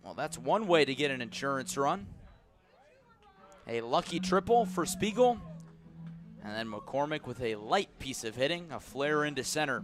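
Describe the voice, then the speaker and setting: An American man does live radio play-by-play of a baseball game, keeping it measured between pitches and building up on the big plays. His intonation is lively, and there's music under him.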